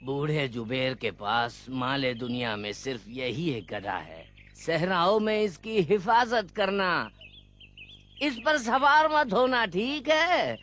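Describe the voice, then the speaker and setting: A fussy old man who frets and rambles through his worries. His voice sits high and bright, and he talks at an unhurried pace. It sounds like a clean studio film dub. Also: sing-song, a little hiss or hum, exaggerated voice. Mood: fussing. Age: older. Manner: fussy, rambling, repeats himself. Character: frail old man, a fussy, doting donkey owner. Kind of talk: Urdu film dubbing. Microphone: studio dubbing mic.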